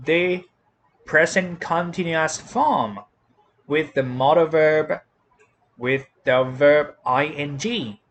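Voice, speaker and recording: A man teaching English grammar with a Thai accent, explaining slowly and repeating each word and rule, spelling out letters one by one. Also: a little high, a bit bright, a little hiss or hum. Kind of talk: slow classroom explanation.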